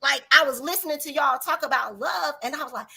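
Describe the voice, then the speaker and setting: A woman's voice: high-pitched, a little fast, creaky, bright, forceful tone, low-quality recording. A woman guest on a talk show, speaking earnestly and preachily about faith and love in casual chat.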